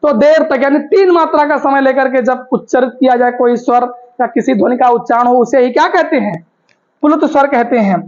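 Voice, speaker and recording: A woman's voice: high voice, brisk, a little mellow. A woman teaching grammar, asking the class questions and answering them herself, repeating the key terms. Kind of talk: Hindi grammar lesson. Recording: dull lo-fi recording.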